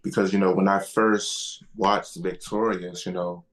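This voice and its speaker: A man's voice: deep voice, flat delivery, unhurried, a loud crowd. A man, a guest actor, chatting in an interview, hesitant, with many fillers and restarts. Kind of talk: casual interview chat.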